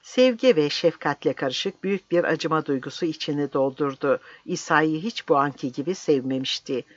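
A narrator reading a novel aloud in a measured, serious storytelling manner, on a dry, slightly dull recording. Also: mid-range voice, no room sound. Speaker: audiobook narrator.

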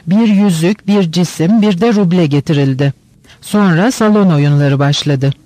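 A man reads a classic novel aloud as an audiobook narrator, steady and unhurried. His voice sits high for a man. The recording is dry and close, with no room sound. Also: no echo. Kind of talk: audiobook reading.

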